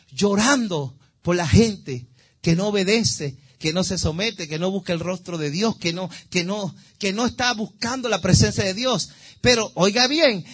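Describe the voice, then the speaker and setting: High-voiced impassioned preacher man. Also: slightly rough. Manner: impassioned, swings from quiet asides to shouted exhortation; calls on the congregation with repeated praise phrases. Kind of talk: sermon.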